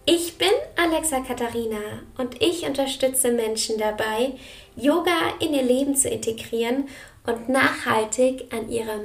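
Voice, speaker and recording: A young woman hosts a yoga and mental health podcast in a calm, personal way. Her voice sits a little high and carries a gravelly fry. She talks directly to the listener. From Germany. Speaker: podcast host, yoga coach. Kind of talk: reflective solo podcast talk.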